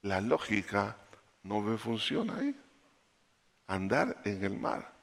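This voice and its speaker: A man preaching a sermon, animated, rising for emphasis and dropping low, calling the listeners brother. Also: takes it slowly, creaky.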